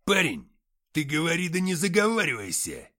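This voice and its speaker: A man playing a hot-tempered bandit yelling. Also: on the high side, wildly swooping pitch, normal speed, pitched above the performer's own voice, exaggerated voice. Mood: angry yelling. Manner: yelling, indignant. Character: hot-tempered young male bandit, loud and crude.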